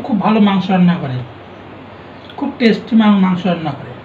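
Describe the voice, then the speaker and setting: A man talks with his mouth full of food, quick and teasing, often turning to the viewers. His voice sits high for a man. He sounds set back from the mic in an echoey room. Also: far from the mic, slight background noise. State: chewing while talking. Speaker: husband co-hosting an eating show. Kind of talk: casual chat while eating. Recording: tinny phone-like sound, roomy, off-mic.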